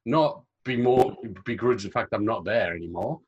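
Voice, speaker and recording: Over crowd noise and dull audio, a podcast co-host with a lowish, expressive voice talks at a moderate pace. It's a casual, rambling chat full of jokes and frequent laughter.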